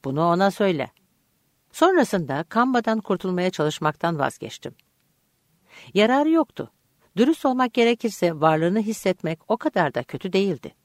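A woman reading an audiobook chapter aloud in calm, measured scripted narration. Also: mid-range voice, dry recording, studio quality.

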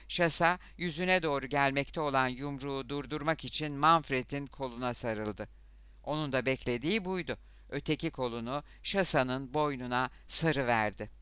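A man reading a novel aloud as an audiobook narrator, steady and dramatic, raising his voice for the shouted quotes. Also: medium pitch, clear, resonant tone, no echo. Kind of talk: scripted narration.

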